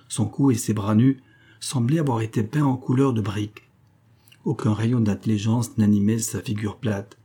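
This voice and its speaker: A man reading a classic novel aloud as an audiobook narrator, in a measured, even-paced manner. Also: on the low side, slightly rough.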